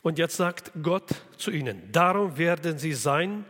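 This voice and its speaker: Slow-preaching man in a reverberant hall. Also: on the high side, sing-song, a bit bright. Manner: slow, deliberate preaching with rhetorical questions. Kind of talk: sermon.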